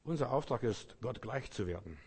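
A man delivers a casual, folksy sermon, speaking straight to his listener and circling back over his own phrases. His voice is a bit husky and breathy. Each line rings out and lingers, as in a large reverberant hall. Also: medium pitch, lively intonation, normal speed, a little mellow. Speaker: preacher. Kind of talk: informal sermon.

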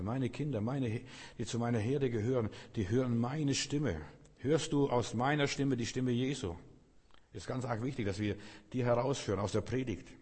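Man, preacher, sermon, husky low voice, earnest, long hall echo. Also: a little mellow. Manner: earnest, direct address to listener. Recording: long reverb.

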